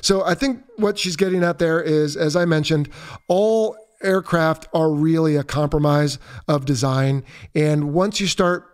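A man of fifty hosting a podcast, answering listener mail in a relaxed, joking way. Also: fairly high pitch, unhurried, smooth. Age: 50s. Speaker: podcast host. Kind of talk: reading listener questions and answering.

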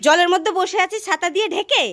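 A woman, playing a mother in a scripted comedy skit, animated and scolding, narrating to herself outdoors. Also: very high voice, quick pace, crowd noise. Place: outdoors in a yard.

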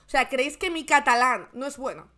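A woman's voice: high voice, lively intonation, fairly quick, sharp tone, soft background music. A woman from Spain with a Spain Spanish accent, hosting a streamed show and giving comic, mocking commentary on the news. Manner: sarcastic and mocking. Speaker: streamer host.

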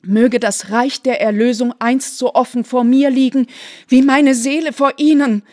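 Woman reader doing a young noble widow: earnest, pleading, a little high. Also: a little slow, dark tone. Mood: desperate. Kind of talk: literary reading.

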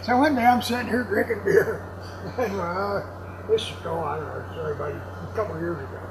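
This high-voiced man in his seventies talks briskly, spinning casual, rambling anecdotes in a folksy, salty manner and laughing along the way. He's indoors in a warehouse with block walls, and the room noise comes through clearly.

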